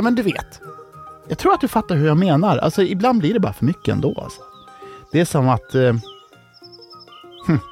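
Playful rambling man with a gravelly voice. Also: on the high side, darkish tone. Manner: rambling, playful, self-correcting. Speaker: host of a children's bedtime show. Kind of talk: playful storytelling and joke-telling.

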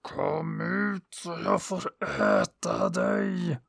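A menacing, man-eating sun stretches every threat out slowly, as a man puts him on for a spoken story. The voice sits higher than the teller's own and has a strange, hollow colour. Underneath it keeps a gravelly rasp. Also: huge pitch swings, fairly bright tone, dry recording, clean studio sound, exaggerated voice. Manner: slow, drawn-out threats.

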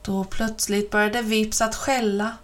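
A woman narrating a children's storybook, reading steadily and clearly. Her pitch sits in a middle range for a woman. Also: level tone. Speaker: reader.

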